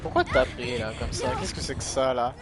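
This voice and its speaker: A man streaming a video game, commenting live as he plays, talking to himself in an animated way and tagging his lines with "hein". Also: medium pitch, a little fast, over a noisy crowd, very noisy. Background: game music.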